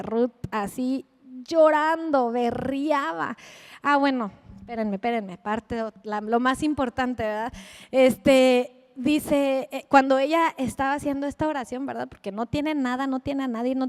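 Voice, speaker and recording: A woman with a Mexican accent preaching a sermon, telling a personal story in an animated, chatty way with asides. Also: high-pitched, unhurried, long reverb tail.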